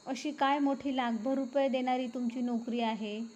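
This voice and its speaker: A woman's voice: high voice, steady tone, normal speed, a little mellow, lo-fi sound, natural voice. A woman voicing a resentful young wife who speaks in a scornful, reproachful way. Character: resentful young wife, bitter and sharp-tongued.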